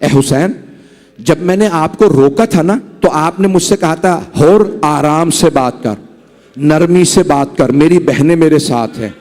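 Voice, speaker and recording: A preacher voicing a remorseful warrior pleading. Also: male voice, a little high, measured pace, a little mellow, voice pushed down, natural voice. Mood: ashamed. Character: repentant warrior begging forgiveness, man.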